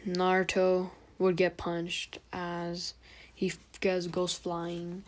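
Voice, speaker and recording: A young woman improvising a fan story aloud. Her telling is rambling and halting, with many fillers. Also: fairly low pitch, completely flat delivery.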